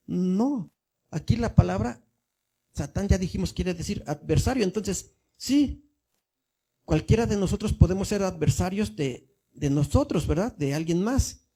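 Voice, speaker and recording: Man preaching with husky mellow voice. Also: high voice. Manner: explains step by step, asks the congregation questions. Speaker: minister. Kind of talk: teaching sermon. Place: church.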